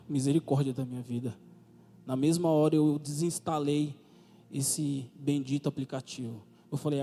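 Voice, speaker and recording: Man, Brazilian accent, preacher, high mellow voice, fervent rhetorical questions, echoing church hall. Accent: Brazilian Portuguese. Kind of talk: sermon testimony. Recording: reverberant church hall with music.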